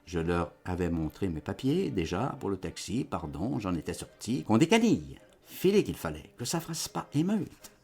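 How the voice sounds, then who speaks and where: Lively, gravelly man reading a story aloud. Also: fairly low pitch, normal speed. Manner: lively theatrical delivery. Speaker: audiobook reader. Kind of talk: dramatized literary reading.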